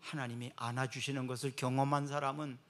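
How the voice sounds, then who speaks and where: A man preaching a sermon to his congregation, swinging between loud emphatic exhortation and soft, slow, comforting passages. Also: mid-range voice, little pitch movement. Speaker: pastor.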